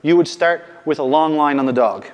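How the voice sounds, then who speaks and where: A man's voice: on the high side, brisk, big-room sound, lo-fi sound. A male dog trainer giving a casual instructional demonstration, often checking in with "okay?" and "right?", and calling out firm short commands to his dog.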